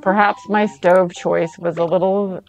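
A middle-aged woman, a gamer's mother, plays a video game for the first time, chatting playfully and talking to the game's characters. Her voice is low-ish, gravelly and unhurried with fairly even intonation, and the low-quality recording has faint music behind it.

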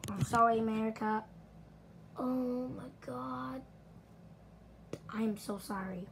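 A woman's voice: on the high side, fairly even intonation, takes it slowly, creaky, a little hiss or hum. A woman YouTuber making an apology video, distressed and sighing as she pleads her apologies.

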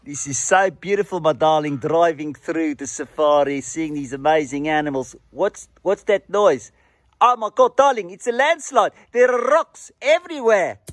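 Comic skit: fussy, overdramatic doll husband, played by a man, high voice. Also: moderate pace, dry recording, lightly acted. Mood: fretful. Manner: overwrought, theatrical. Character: melodramatic doll man lost on safari. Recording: faint music behind.

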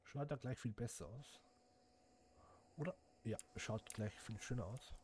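There's a little hiss or hum as this man, a gaming channel host, talks in an unhurried, medium-pitched voice with a darkish tone. Playing a simulation game, he thinks out loud and chats casually with his viewers.

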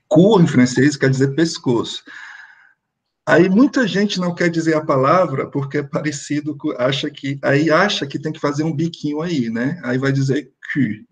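Husky-voiced man teaching on a call. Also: a little high. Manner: patient, explains step by step and has students repeat. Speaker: French teacher. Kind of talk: online class teaching.

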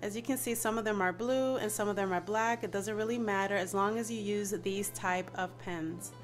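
A woman's voice: mid-range voice, moderate pace, faint music behind. Nasal-voiced woman hosting a craft tutorial. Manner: chatty, often says "you guys". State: nasal from allergies. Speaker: DIY channel host. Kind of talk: casual step-by-step craft tutorial.

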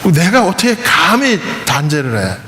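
A man's voice: on the high side, huge pitch swings, normal speed, pushed and bright. A man, a parish priest, delivers a homily with a slightly raised voice and a chatty, questioning manner. His voice carries through a large church hall with long reverb, and a faint hum sits behind it. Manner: conversational preaching, often asks the congregation to respond. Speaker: pastor. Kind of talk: sermon.

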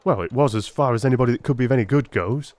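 A man's voice: medium pitch, rapid-fire, darkish tone, dry recording, close to an everyday voice. A man as a touchy police constable. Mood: amused. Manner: colloquial, aggrieved, blunt. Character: plain-spoken, touchy male London police constable.

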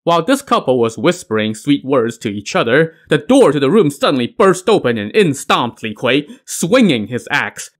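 A man's voice: a little high, big pitch swings, normal speed, hardly any pauses. A man narrating a classic tale as a podcast host, in a wry tone with dry asides. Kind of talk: storytelling narration.

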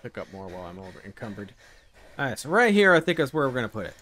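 Racing along in a mid-range, fairly bright and very animated voice, a man streams a survival game. His let's-play commentary is casual and uncertain, with frequent muttering to himself.

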